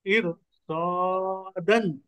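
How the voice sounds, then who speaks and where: A man's voice: high-pitched, fairly even intonation, drawn-out words, fairly bright tone, slight background noise, low-quality recording. A man reciting practice words for his teacher, carefully and hesitantly, sometimes restarting a word. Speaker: student.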